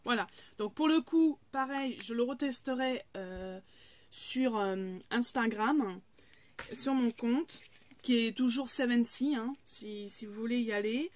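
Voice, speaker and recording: Woman in her 30s, casual haul vlogger, slightly high voice, rambling and friendly. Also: unhurried, slight background noise. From France. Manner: chatty, many fillers and restarts.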